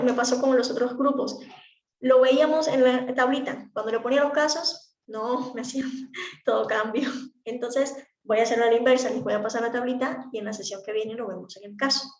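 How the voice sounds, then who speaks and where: A woman's voice: a little high, highs cut off. Echoey woman teaching a class. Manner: practical, explains with examples. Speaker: speech therapy teacher. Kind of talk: online class lecture.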